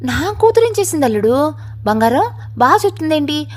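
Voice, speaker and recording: A scheming middle-aged uncle, as a woman reader acts him out, wheedling and sly. Voiced high by the reader in a spoken family story. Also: sing-song, fairly quick, a little mellow.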